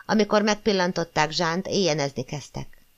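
Low-pitched woman reading an audiobook, calm measured storytelling. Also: muffled recording. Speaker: audiobook reader. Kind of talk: scripted narration of a classic novel.

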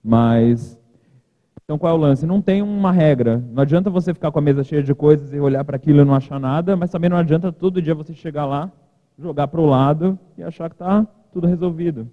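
At a podium in a large conference hall, a Brazilian keynote speaker gives a casual conference talk, talking fast and loosely with joking asides. His slightly high voice rings out in the reverberant space. The sound is thin and narrow, almost like a phone line.

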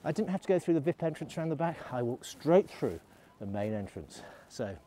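A man's voice: medium pitch, very animated, a little fast, dark tone, a little hiss or hum. A middle-aged man, vlogging in a chatty, rambling way while out on a snowy ski slope, filming himself at arm's length. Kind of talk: casual vlog while skiing. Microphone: selfie camera at arm's length.

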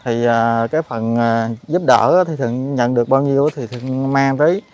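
A man hosts a charity interview, asking gentle questions and speaking to viewers directly. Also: medium pitch, steady tone, moderate pace. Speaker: charity vlogger host. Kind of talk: conversational interview.

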